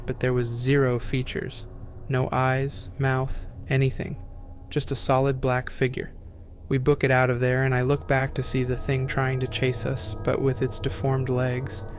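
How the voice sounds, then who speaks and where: A man reading first-person horror stories aloud as scripted narration, in a flat, even reading. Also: mid-range voice, moderate pace, faint music behind.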